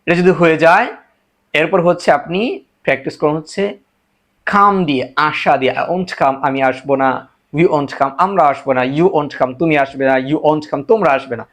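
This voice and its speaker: Man slowly drilling English phrases. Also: fairly high pitch, fairly bright tone. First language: Bengali. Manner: repeats example sentences slowly, switching between English and Bengali. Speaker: English teacher. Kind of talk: spoken English lesson.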